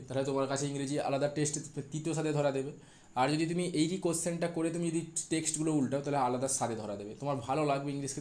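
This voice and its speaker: A man's voice: fairly high pitch, a little mellow. A man giving an exam-prep literature lecture, mixing English terms into his talk with frequent fillers. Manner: explains in Bengali mixed with English terms, many fillers.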